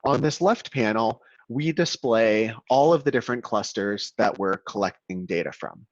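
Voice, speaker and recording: A man's voice: fairly low pitch, expressive, moderate pace, no room sound. Man on a choppy, glitching call. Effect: choppy, cutting-out call audio. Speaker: product demo presenter. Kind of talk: webinar software walkthrough. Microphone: video call. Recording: dull, dry, glitchy call audio.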